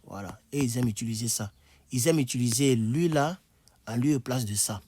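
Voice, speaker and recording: A man's voice: medium pitch, a little fast, dark tone, husky, no room sound. Man, tired online English teacher, talks from bed, loose and repetitive, demonstrates every phrase. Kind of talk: casual online language lesson. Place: indoors, on his bed.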